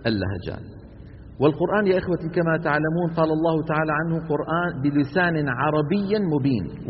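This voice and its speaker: A man, his voice pitched a little high, lectures to a class and keeps asking whether they follow. The recording is dull and lo-fi, with a long reverb from the hall. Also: slight background noise. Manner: explains by example, often checks the class with "انتبهنا؟". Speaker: Quran recitation teacher.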